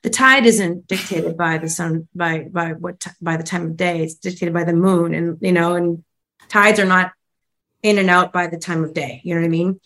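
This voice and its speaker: A woman's voice: on the low side, fairly even intonation, moderate pace, fairly bright tone. A woman co-hosting a casual rewatch podcast, telling self-deprecating stories about acting on the show. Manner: chatty, self-deprecating storytelling. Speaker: podcast co-host, former actress.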